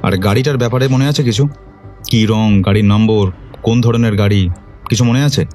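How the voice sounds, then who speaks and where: An actor playing a commanding police detective who questions witnesses firmly. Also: male voice, on the low side, moderate pace, mellow, soft background music, natural voice. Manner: firm, authoritative questioning.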